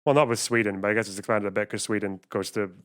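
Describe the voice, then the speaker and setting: Smooth-voiced, sweary male livestreamer. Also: fairly low pitch, fairly even intonation, quick pace, fairly bright tone. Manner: informal, sweary. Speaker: livestreamer reacting to a video. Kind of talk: casual reaction commentary.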